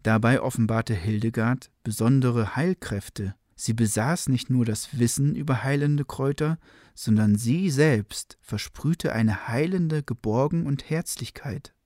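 A man narrating a legend in a calm, even storytelling manner. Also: mid-range voice, a little slow, no echo, clean studio sound.

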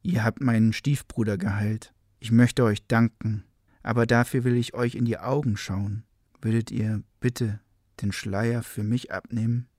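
A man's voice: medium pitch, steady tone, measured pace, a little mellow, no echo, natural voice. A man voicing a remorseful Frankish king who speaks with courtly, pleading apology, in a read-aloud legend with a dry sound.

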